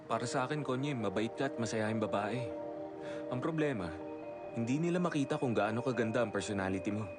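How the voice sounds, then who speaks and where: A man dubbing a young man who gently reassures a sad friend. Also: mid-range voice, expressive, brisk, loud music behind the voice, natural voice. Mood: comforting. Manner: gentle, consoling. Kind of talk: Tagalog dub of a drama.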